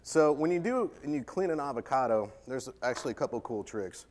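Joking chef doing a live cooking demo. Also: male voice, medium pitch, lively intonation, a little fast, a little mellow. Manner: joking, chatty, self-deprecating, playful with the audience. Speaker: chef giving a cooking demonstration. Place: conference stage before an audience.

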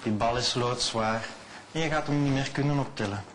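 Male stage hypnotist, soothing repetitive patter, noisy studio sound. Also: mid-range voice. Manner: slow soothing repetitive suggestions, often hushed.

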